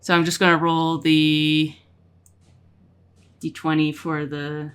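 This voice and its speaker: A woman narrating a tabletop game as game master, describing the action in a halting way with many restarts. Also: low-pitched, flat delivery, smooth.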